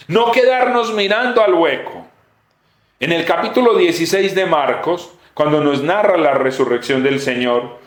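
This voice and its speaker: A man preaching a sermon with emotion, dropping soft and rising loud. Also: mid-range voice. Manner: emotional, swings between soft and raised voice. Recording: roomy echo.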